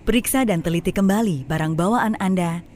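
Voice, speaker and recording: A woman giving a formal, polite train announcement over an onboard loudspeaker, measured and evenly paced. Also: on the low side, a little hiss or hum. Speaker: recorded station announcer.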